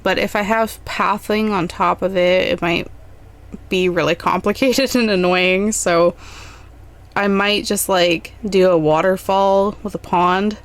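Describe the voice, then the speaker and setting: A young adult woman giving relaxed, rambling gameplay commentary, thinking aloud as she plans. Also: medium pitch, a little slow. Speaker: gaming channel host.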